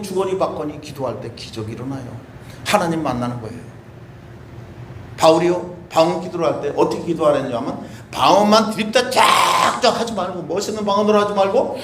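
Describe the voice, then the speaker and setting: A male pastor preaching a sermon, talking conversationally with many rhetorical questions and acting out prayers. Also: a little high. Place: church sanctuary. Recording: echoey church room with faint hiss.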